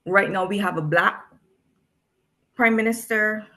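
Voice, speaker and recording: A woman's voice: mid-range voice, unhurried, sharp tone. A woman from Barbados, a special education teacher speaking thoughtfully as a guest, often repeating words as she searches for them. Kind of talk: reflective discussion.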